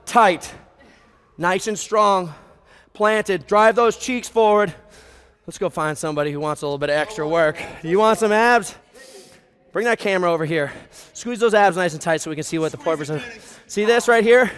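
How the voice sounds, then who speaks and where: An American man in his twenties, voice high and fairly bright at normal speed, leads a group workout through a headset mic. He's a hyped, motivational gym-bro type, calling cues and countdowns while exerting himself in a reverberant brick warehouse gym.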